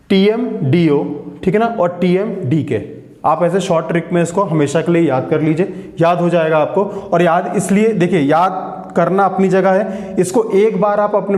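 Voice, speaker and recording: A man teaching a grammar lesson, sounding out each letter slowly and asking students to repeat after him. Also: high voice, darkish tone, reverberant.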